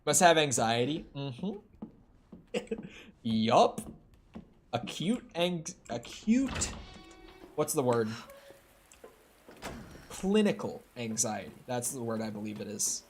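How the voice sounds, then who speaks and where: A young man streams a horror game from his room at home, talking casually into a desk mic in a rambling, self-deprecating way and often restarting his sentences. His voice sits at a medium pitch with big swings, and he speaks slowly with frequent pauses while soft music plays behind him.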